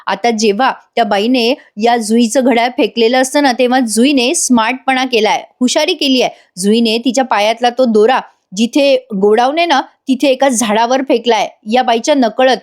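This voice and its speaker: A woman's voice: on the high side, moderate pace, few pauses. Chatty woman recapping a serial. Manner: chatty, addresses viewers directly. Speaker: TV serial reviewer. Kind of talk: voice-over episode recap.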